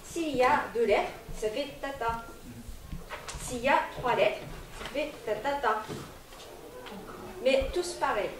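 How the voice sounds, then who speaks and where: A woman teaching a live language class to a festival audience, repeating words slowly so the class can echo them. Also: high-pitched, noisy background. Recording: echoey hall from far off, audience.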